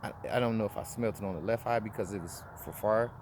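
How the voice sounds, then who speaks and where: A man's voice: fairly low pitch, fast, noisy background. A man in his forties casually reviewing his own experience in a vlog, rambling with frequent restarts and fillers. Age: 40s. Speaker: vlogger.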